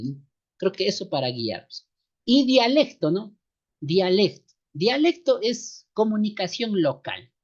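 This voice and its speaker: A man from the highlands, teaching a seminary class online in a slow, repetitive way, often tagging a rhetorical question onto what he says. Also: a little mellow. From Ecuadorian highlands. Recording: dull lo-fi sound.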